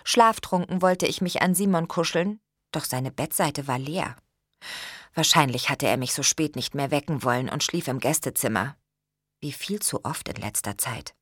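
Woman narrator, low voice, calm measured reading, dry studio sound. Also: breathy edge, no room sound. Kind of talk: scripted audiobook narration.

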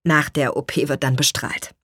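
A reserved adult sister from an audiobook, read by a woman, speaking in a low, husky voice. She keeps everything matter-of-fact and restrained, with no room echo at all. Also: fairly even intonation, normal speed, studio quality. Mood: subdued. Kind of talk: audiobook reading.

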